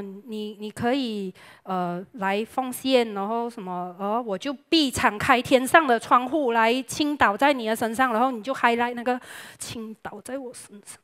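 A young woman preaching a lively sermon with jokes, chatty and playful, dropping English words into her talk. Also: mid-range voice.

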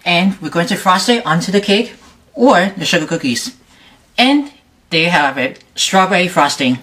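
A woman hosting a casual home cooking demonstration in her kitchen, talking in a halting, loose way with frequent restarts. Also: fairly low pitch, animated, fairly bright tone. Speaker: home cooking show host.

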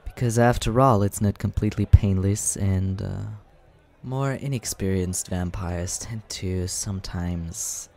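Man playing Scaramouche, a deep, creaky, suave vampire. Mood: relaxed, explanatory. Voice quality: low, creaky, soft. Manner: unhurried, smooth-mannered, teasing. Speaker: ASMR roleplay performer. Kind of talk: soft ASMR roleplay, addressing the listener.

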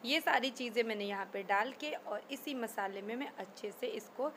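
A hoarse woman, chatting casually to her viewers while cooking in her home kitchen, filming on a handheld phone. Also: on the high side, moderate pace, a bit bright, a little hiss or hum, rough recording. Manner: chatty, talking straight to viewers. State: hoarse, voice nearly gone. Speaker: vlogger.

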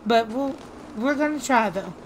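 A young woman with a slightly crackly voice, chatting casually and excitably while playing a game, laughing at her own misses. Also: a little high, moderate pace. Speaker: gaming streamer. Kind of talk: casual let's-play commentary.

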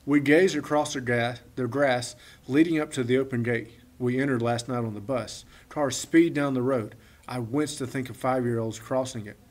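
A man giving an expressive storybook narration in the first person. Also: medium pitch, moderate pace. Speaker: audiobook reader.

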